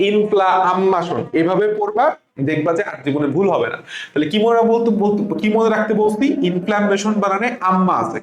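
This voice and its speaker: Bangladeshi male tutor, high voice, slow letter-by-letter spelling drills, echoey room. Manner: spells words out slowly letter by letter. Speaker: English teacher. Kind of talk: exam prep lesson.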